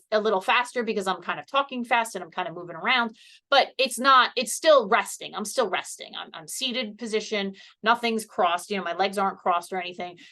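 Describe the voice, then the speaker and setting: Bright-voiced woman teaching a health class. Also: mid-range voice. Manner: chatty, explains step by step with fillers. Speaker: health educator. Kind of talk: casual instructional presentation. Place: seated indoors.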